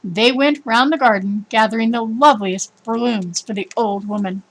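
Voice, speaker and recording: A storybook reader with a fairly high-pitched female voice narrates a scripted story at normal speed. She reads expressively and emphatically, in classic storybook style.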